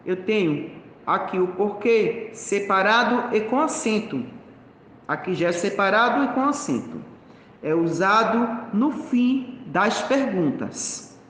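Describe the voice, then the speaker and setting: Slow, high-voiced man teaching grammar. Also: lively intonation, fairly bright tone, slight background noise. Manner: slow, explanatory, repeats points. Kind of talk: grammar lesson. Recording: echoey room, long reverb.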